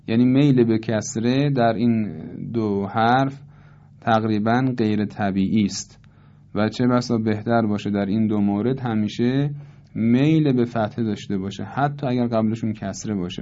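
A man teaching Quran recitation rules, explaining calmly and slowly demonstrating how words are pronounced. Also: medium pitch, dull audio. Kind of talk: tajweed lesson.

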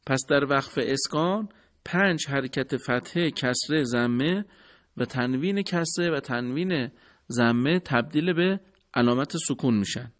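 A man teaching Quran recitation in a scripted radio lesson, formal and courteous, explaining step by step. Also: medium pitch.

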